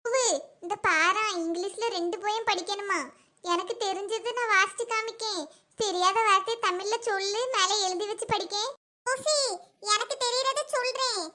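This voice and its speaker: An extremely high, bright little voice a village schoolchild in a cartoon. The child is cheeky and chatty, with an informal southern Tamil Nadu accent. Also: female voice, normal speed. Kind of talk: comedy skit voice acting.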